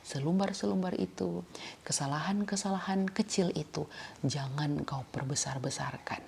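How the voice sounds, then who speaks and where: A woman pastor with a Manado Malay accent preaching a sermon, swinging from hushed whispers to sudden loud rises. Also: sits low, moderate pace, creaky, slight background noise.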